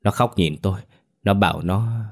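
A man's voice: on the low side, moderate pace. A man as a stammering old country father. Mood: shaken. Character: elderly rural father, shaken by a nightmare.

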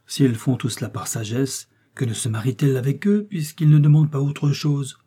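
A man's voice: mid-range voice, fairly quick, mellow, husky, close to an everyday voice. Man reading a naive chattering innkeeper's daughter. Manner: artless, chattering. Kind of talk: audiobook reading.

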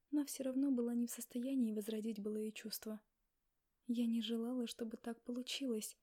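A woman reads a first-person novel aloud in a quiet, reflective manner. Her voice is somewhat high but mellow and warm, never sharp. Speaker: audiobook reader.

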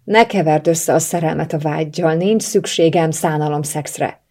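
In an audiobook, a woman voices a lovesick young male police officer, delivering his lines in an intense, low-pitched, strained way. Her voice is a little mellow.

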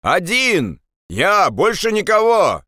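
Man doing desperate young partisan, yelling high, pleading and exasperated, bright and tense. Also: sing-song, a little slow, no echo, clean studio sound, exaggerated voice. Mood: desperate shouting.

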